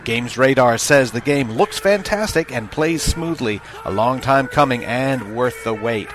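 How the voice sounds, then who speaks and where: A man's voice: medium pitch, lively intonation, a little slow, background noise. A man reads a scripted hard-sell promotional advert as an announcer, urging listeners to buy.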